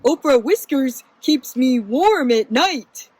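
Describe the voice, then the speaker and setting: A dismissive storybook naysayer, played by a woman, high in pitch and full of swoops. The delivery is matter-of-fact and disapproving, with unhurried lines. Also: animated, darkish tone, heavily acted. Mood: smug, skeptical. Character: skeptical, dismissive storybook naysayers about pet trees. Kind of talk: storybook character reading.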